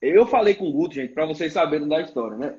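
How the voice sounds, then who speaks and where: A man's voice: a little high, fast, highs cut off. A man, a ministry supervisor, telling stories with lots of laughter on a live stream. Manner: lively, laughing anecdote-telling. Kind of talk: casual storytelling on a live stream.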